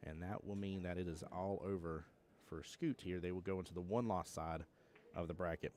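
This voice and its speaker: With a deep, slightly mellow voice and a steady tone, a young Georgia man speaks briskly in a Southern accent. He is commentating a live-streamed pool tournament from his home state in the USA, chatting and joking casually with viewers.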